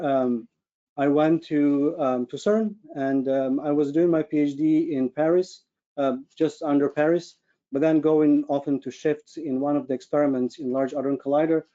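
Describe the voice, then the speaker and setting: On a screen-shared online call, a Ukrainian medical physicist speaking in a webinar gives a casual personal presentation, earnestly searching for the right words. His voice is fairly high, mellow and steady, at a moderate pace, with a Ukrainian accent. The sound quality is lo-fi.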